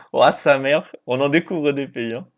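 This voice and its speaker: A man hosting a live stream, running a draw and reacting out loud to each result. He talks casually and excitably and speaks to viewers by name. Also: mid-range voice, takes it slowly.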